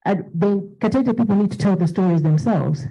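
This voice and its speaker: A woman's voice: mid-range voice, a little fast, creaky, dark tone, breathy edge, rough recording. A woman from Zambia, an advocate speaking earnestly from the floor at a panel. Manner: earnest, with fillers and repeated words. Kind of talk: impassioned comment at a panel.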